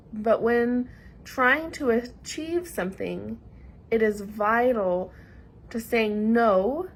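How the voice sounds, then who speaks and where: A woman with a Southern US accent preaching a sermon in a measured, earnest way with pauses. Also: on the high side, slight background noise, rough recording.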